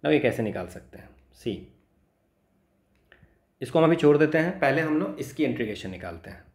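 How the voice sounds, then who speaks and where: A fairly high, brisk male voice with lively intonation and an Indian accent leads a step-by-step maths exam lesson. He explains worked solutions, often repeating phrases and adding short tags to check understanding. Echo from a roomy space is audible.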